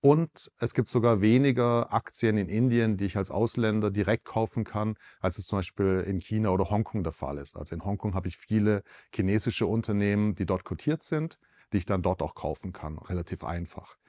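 A man in his forties, a foreign correspondent, answering interview questions in a measured, explanatory way with small self-corrections, in a TV studio. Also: fairly low pitch, warm tone.

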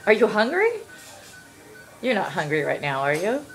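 A middle-aged woman chatting gently and reassuringly, like a mother looking after her child. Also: mid-range voice, sing-song, normal speed, faint music behind, low-quality recording. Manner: gentle, reassuring, uses endearments. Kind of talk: casual chat. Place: small dental clinic room.

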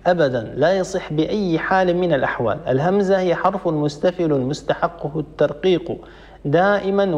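A sheikh teaching Quran recitation rules, explaining a poem line by line, repeating points and slowly drawing out example words. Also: male voice, fairly high pitch, darkish tone, lo-fi sound. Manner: repeats points for emphasis, with hesitation fillers.

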